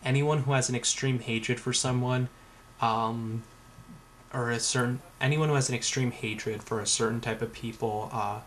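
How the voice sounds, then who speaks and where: A man's voice: medium pitch, fairly even intonation, normal speed, a bit bright, slight background noise. A young man telling a story in a casual vlog, sarcastic and rambling, full of fillers and swearing. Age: young adult. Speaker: vlogger.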